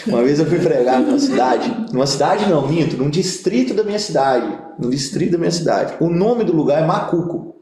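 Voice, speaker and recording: A man's voice: on the high side, fairly quick, hardly any pauses. A young Brazilian man, a pastor, telling funny stories in a casual interview and acting out the voices of the people in them. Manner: animated comic storyteller, acts out quoted voices. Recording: echoey room.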